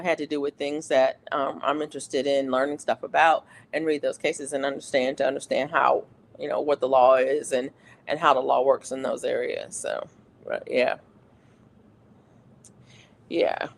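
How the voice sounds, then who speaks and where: A livestream host chatting casually and rambling, with many restarts and fillers, who gets animated when venting. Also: mid-range voice, gravelly.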